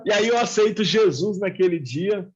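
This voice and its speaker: Pastor, middle-aged man with a high voice, tells his story vividly and does all the dialogue himself; lo-fi stream audio. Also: normal speed, a little hiss or hum. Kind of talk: personal testimony in a live chat. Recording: dull lo-fi live-stream audio.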